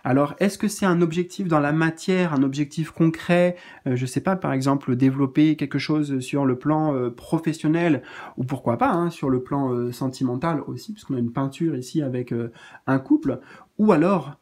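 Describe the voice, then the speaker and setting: Guy doing a chill card reading, soft and reassuring, lots of um and uh, mid pitch. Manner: gentle and reassuring, hesitant with many fillers. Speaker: spiritual card reader. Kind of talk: casual spoken card reading.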